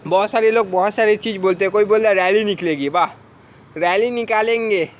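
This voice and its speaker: High-voiced man giving earnest advice. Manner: earnest, exhorting, rhetorical questions. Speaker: defence exam coaching teacher. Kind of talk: casual advice vlog to students.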